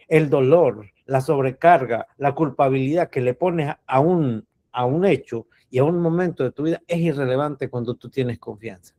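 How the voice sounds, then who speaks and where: A man's voice: on the high side, darkish tone. A man from Cuba, giving a reflective spiritual teaching talk as a coach. He speaks earnestly, repeats his key words and asks rhetorical questions.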